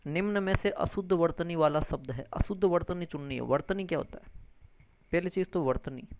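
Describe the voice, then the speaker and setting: A man's voice: fairly high pitch, darkish tone, clean tone. A male grammar teacher giving an exam-prep lesson, explaining step by step and answering his own questions. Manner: addresses viewers as friends, frequent tag questions.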